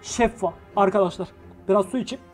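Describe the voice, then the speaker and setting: A male streamer reading a story game aloud on a live stream and chatting with viewers, joking and excitable, bursting into shouts and swearing. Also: high voice, brisk, faint music behind.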